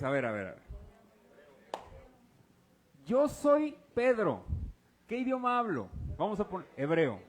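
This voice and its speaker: A man preaching a sermon as pastor, firing casual, teasing questions at his congregation during a church service. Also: high-pitched. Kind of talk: interactive sermon.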